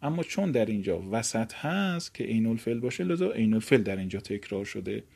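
A man giving a grammar lesson. He chants verb forms slowly and drawn out, explains in a quicker, courteous teaching manner, and stresses key words. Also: fairly low pitch, very animated, gravelly, darkish tone. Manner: courteous formal teaching phrases. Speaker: teacher of Arabic morphology. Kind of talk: recorded classroom lecture.

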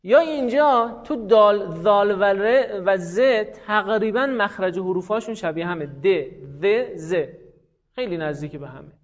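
Animated high-voiced male teacher. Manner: animated, praises students, repeats examples slowly. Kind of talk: classroom lesson on Arabic morphology. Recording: dull lo-fi classroom recording.

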